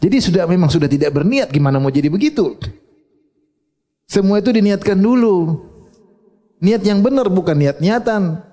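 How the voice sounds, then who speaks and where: A man giving a humorous, animated sermon, acting out short quotes. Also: high-pitched, normal speed, pauses often. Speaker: Islamic preacher.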